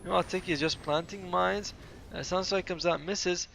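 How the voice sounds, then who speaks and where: A man's voice: high voice, steady tone, normal speed, creaky, a bit bright, slight background noise. A tired, yawning man giving casual, chatty play-by-play commentary on a game replay, often correcting himself mid-sentence.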